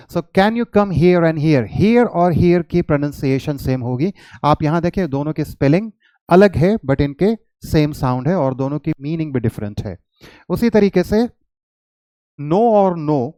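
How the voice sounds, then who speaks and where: A man teaches an English lesson and explains each point patiently. He spells words out letter by letter and reads example sentences slowly. His voice sits a little high, and it is recorded close and dry. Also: dark tone, smooth, dry recording.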